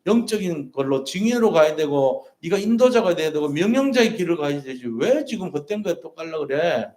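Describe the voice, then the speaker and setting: A man's voice: a little high, big pitch swings, a little fast, darkish tone. A male pastor preaching a sermon in a church, earnest and repeating his key points with rhetorical questions. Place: church sanctuary. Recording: roomy church echo.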